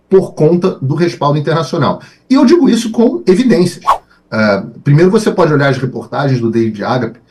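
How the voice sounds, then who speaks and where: A man's voice: mid-range voice, a little mellow. A man answering as a guest on a radio interview, analytical, often restarting and repeating phrases. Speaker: guest commentator.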